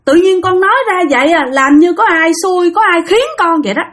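A woman's voice: very high voice, fairly quick, fairly bright tone, pitched above the performer's own voice. A woman voicing a young woman who pleads urgently, as if something is speaking through her. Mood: pleading, urgent.

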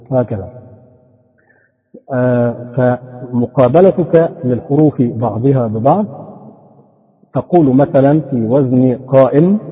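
Man, teacher, husky voice, slow repeating lecture, long hall reverb, dull sound. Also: mid-range voice. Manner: slow, repeats each word, asks the class questions. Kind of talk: classroom grammar lecture.

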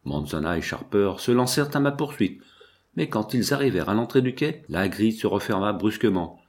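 A man reading a first-person novel aloud in a steady, measured way, lifting his tone for the quoted speech. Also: lowish voice. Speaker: audiobook reader. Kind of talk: scripted first-person narration.

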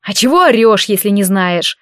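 A woman's voice: medium pitch, animated, normal speed, fairly bright tone, dry recording, studio quality, natural voice. A woman voicing a haughty, sarcastic male elf in armor in an audiobook. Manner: sarcastic, eye-rolling.

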